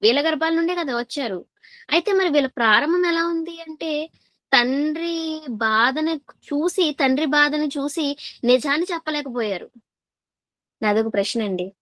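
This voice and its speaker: Woman preacher, sermon, higher voice, dry close sound, questions the congregation, repeats lines for stress. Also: moderate pace, fairly bright tone, no room sound.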